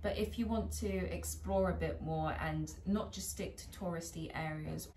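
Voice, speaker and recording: A British woman from England vlogs from her home garden, chatty and self-deprecating as she tries out phrases in other languages. She has a lowish, darkish voice at a moderate pace, and the poor audio carries a little hiss or hum.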